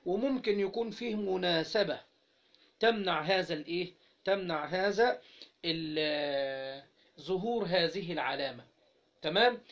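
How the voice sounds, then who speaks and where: A fairly high-pitched man with an Egyptian Arabic accent teaches grammar, leaving gaps for his students to fill and drawing out example words slowly. The recording is dull and lo-fi. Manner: prompts students to finish his sentences. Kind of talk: interactive grammar lesson.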